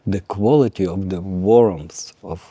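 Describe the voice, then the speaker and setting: An older man, a violin teacher talking in a measured way, pausing to search for words and making dry jokes. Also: low-pitched, warm tone, breathy edge, no room sound, lo-fi sound. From Lithuania. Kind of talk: conversational interview.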